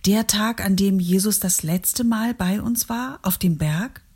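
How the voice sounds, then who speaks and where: Lady reading peter the apostle, bold eager guy, soft breathy storybook voice. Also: mid-range voice, a little slow. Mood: wistful.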